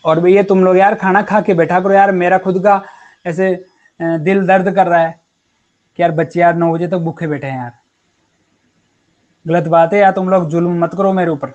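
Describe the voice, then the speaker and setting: A man's voice: sits high, fairly even intonation, moderate pace, long pauses, a little mellow, lo-fi sound. A man teaching chemistry in a casual online class, chatty and encouraging with his students. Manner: chatty and encouraging, calls students beta and yaar.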